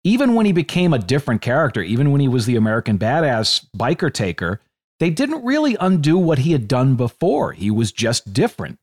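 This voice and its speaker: Man, podcast co-host, casual chat, middle pitch, opinionated, analytical. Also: big pitch swings, brisk, a little mellow.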